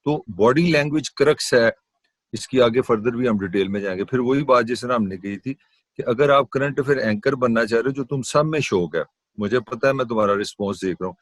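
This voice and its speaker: A middle-aged man with a Punjabi-accented Urdu, giving an animated classroom lecture and slipping English phrases into his talk. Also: medium pitch, no room sound. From Pakistan. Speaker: university lecturer.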